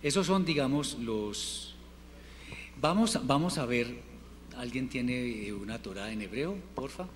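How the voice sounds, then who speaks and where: A man teaching a Hebrew class, patiently drilling word forms and repeating them slowly for his students. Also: medium pitch, lively intonation. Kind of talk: classroom lesson. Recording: reverberant room with faint noise.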